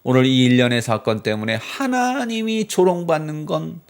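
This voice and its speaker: A man's voice: fairly high pitch, very animated, moderate pace. A male pastor delivering a Sunday sermon in church, telling the story dramatically and asking the congregation rhetorical questions. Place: church sanctuary.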